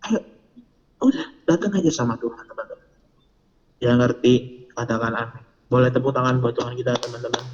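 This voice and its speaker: A man's voice: mid-range voice, a little fast, long pauses, a little hiss or hum. A man giving a casual youth sermon and prayer. He preaches in a chatty, slangy way and keeps asking his listeners questions. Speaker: youth devotion speaker. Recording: muffled lo-fi recording.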